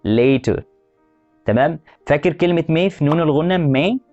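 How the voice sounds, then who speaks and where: A man with an Egyptian Arabic accent teaching a language lesson, repeating example words slowly and asking the viewer questions. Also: fairly high pitch, darkish tone, lo-fi sound, soft background music. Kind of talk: explanatory lesson.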